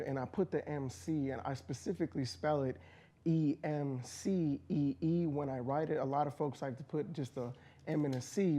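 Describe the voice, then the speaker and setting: A man talking earnestly and with passion in a radio-show interview, his voice warm and mellow yet pitched a little high. He repeats words as he gathers his thoughts and keeps a steady, heartfelt flow. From United States. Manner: earnest, passionate, many restarts. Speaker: rapper guest. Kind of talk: casual interview talk. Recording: community radio studio.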